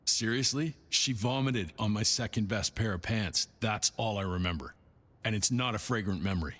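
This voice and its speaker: A jaded security doorman in a video game. He is dry and sarcastic in a lowish voice, with long reverb trailing it. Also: moderate pace, a bit bright.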